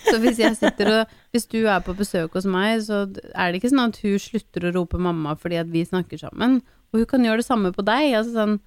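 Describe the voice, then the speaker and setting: A woman's voice: few pauses, no echo. Chatty mother, close dry sound. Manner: animated storyteller, acts out her child's pleading in a high voice. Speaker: podcast co-host, mother of a young girl. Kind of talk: casual chat.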